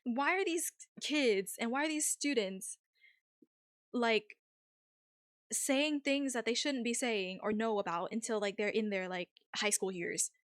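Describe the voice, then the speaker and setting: A woman with a high voice hosts a livestream in casual, chatty style. She talks informally to viewers, with a dry sound free of room echo. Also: unhurried. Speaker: livestream host.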